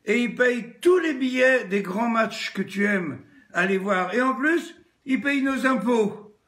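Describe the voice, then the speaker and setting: A frantic wife begging for mercy in a raised, pleading voice, as a man puts her on. Her voice climbs well above the teller's own and comes out loud and tense, in a spoken joke. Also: expressive, a little slow, exaggerated voice. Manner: begging, high-pitched.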